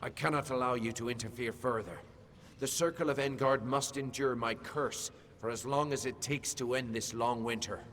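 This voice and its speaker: An actor playing a calm, coldly menacing male fey lord in a video game, speaking in a measured, quietly threatening way. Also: medium pitch, a little hiss or hum, lightly acted. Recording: long reverb with game music behind.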